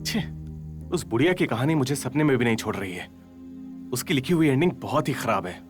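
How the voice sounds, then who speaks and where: A man's voice: medium pitch, expressive, fairly quick, close to an everyday voice. An actor dubbing a lovesick young man who calls out dramatically and broods over a story's ending. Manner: dramatic, pleading cries. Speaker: dubbed film character. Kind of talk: Hindi film dubbing. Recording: film soundtrack with faint music.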